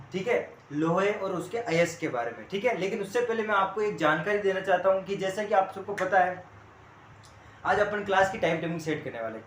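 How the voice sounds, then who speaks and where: High-voiced chatty male coaching teacher. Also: fairly bright tone. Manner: chatty, calls students pet names, quizzes them. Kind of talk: online coaching class. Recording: echoey room with faint ambient noise.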